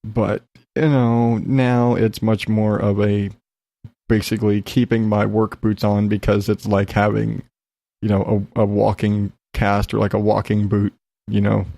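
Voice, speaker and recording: Recovering from an illness and still a little congested, a man rambles frankly and profanely through a casual solo podcast update. His lowish voice is warm, with vocal fry, a flat delivery, and a measured pace, recorded with no echo.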